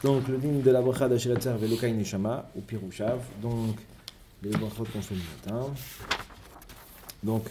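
A man's voice: on the low side, fairly even intonation, normal speed, dark tone, slight background noise. A man teaching a Torah study lesson, explaining step by step and mixing in many Hebrew terms.

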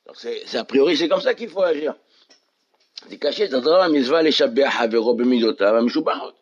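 A man of middle pitch leads a Talmud lesson. He reads passages aloud and explains each one, often circling back over his own words as he goes. The recording is dull and lo-fi. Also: expressive, a little fast. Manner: reads Hebrew and Aramaic then explains in French, with many restarts. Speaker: Torah teacher.

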